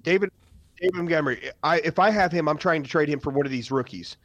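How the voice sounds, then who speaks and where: A man co-hosting a casual fantasy football podcast from home over a remote call, teasing and quick to argue his picks. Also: fairly high pitch, fairly bright tone, no echo. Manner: argumentative, teasing. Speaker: podcast co-host. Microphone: remote call mic.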